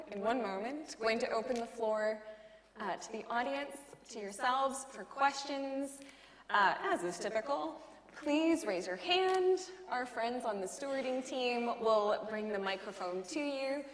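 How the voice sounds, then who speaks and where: Polite woman moderating in an echoey hall. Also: on the high side. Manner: polite, measured, lightly laughing. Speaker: panel moderator. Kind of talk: moderating an academic panel. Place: large lecture hall. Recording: echoey hall with faint noise.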